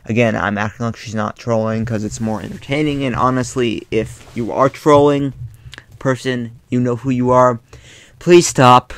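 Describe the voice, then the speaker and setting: A man's voice: mid-range voice, fairly even intonation, moderate pace. A man in his bedroom, talking casually and with exasperation in a rambling commentary vlog full of fillers. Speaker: YouTube commentator.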